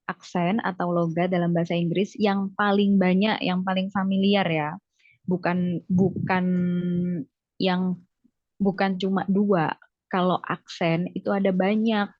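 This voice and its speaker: A woman's voice: fairly low pitch, level tone, a little slow, no echo, highs cut off. A woman tutor giving a patient one-on-one English lesson over a video call, encouraging her student and mixing English words into her explanations.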